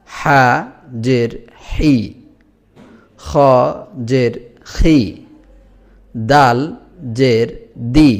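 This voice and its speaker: A man teaching Quran reading, drilling each Arabic letter with its vowel sign, slowly and deliberately. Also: medium pitch, a little mellow. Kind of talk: letter-by-letter recitation lesson.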